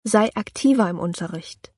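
A woman's voice: mid-range voice, animated, normal speed, darkish tone, slightly rough, dry recording, studio quality, distant mic. A woman reading the lines of an earnest, demanding father who pushes his daughter, in a storybook. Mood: urging.

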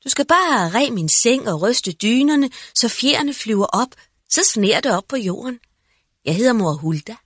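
A gentle old woman speaks in a husky, lifted voice, as a male narrator puts her on. She sounds kindly and reassuring, every word soft. It comes from a read-aloud storybook. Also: very high voice, animated, no echo, studio quality, pitched above the performer's own voice, exaggerated voice.

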